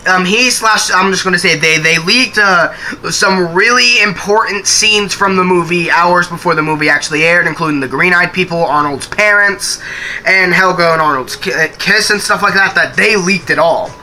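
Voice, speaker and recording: Bright high-voiced man ranting casually. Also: normal speed, a little hiss or hum. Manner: rambling, with restarts and swearing. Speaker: streamer. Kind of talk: casual live-stream chat.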